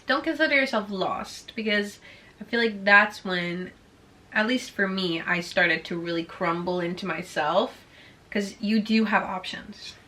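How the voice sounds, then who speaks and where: A woman of about twenty whose first language is Swedish answers her viewers' questions in a bubbly, chatty Q&A vlog, saying "like" constantly. Her voice is medium-pitched and bright, with a forceful tone and a measured pace.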